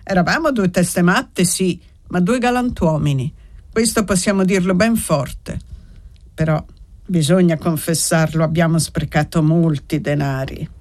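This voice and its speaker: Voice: medium pitch, unhurried, lightly acted. A reader voicing a hearty, boastful guest. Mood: reminiscing. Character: jovial poor guest, carefree old friend. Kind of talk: audiobook reading.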